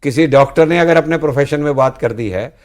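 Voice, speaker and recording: The voice is a man's, a little high and brisk. He is an older senior politician and former student leader who earnestly explains past events during a studio discussion, often tacking "जी" onto the end of what he says.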